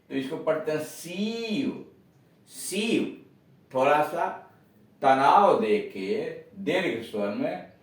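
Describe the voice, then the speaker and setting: A man teaching English pronunciation, spelling each word letter by letter and repeating it with its meaning. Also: a little high. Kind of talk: slow spelling-out pronunciation lesson. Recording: very echoey room, voice from far off.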